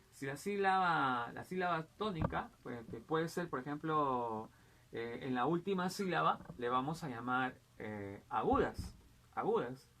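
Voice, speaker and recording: A male teacher explaining a grammar lesson to a student, his voice a little higher than most men's. He talks patiently and checks in constantly with "¿correcto?". A faint hiss of noise sits under the recording. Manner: keeps asking "¿correcto?" and "¿no?", many "eh" and "este" fillers.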